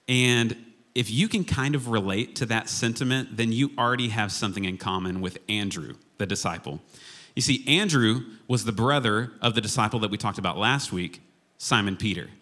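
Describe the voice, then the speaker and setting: Man, low voice, pastor from Oklahoma, informal humorous sermon, chatty, self-deprecating. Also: expressive, normal speed, bright, forceful tone. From Oklahoma, United States. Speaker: worship and media arts pastor, guest preacher. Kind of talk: casual, humorous sermon to a congregation.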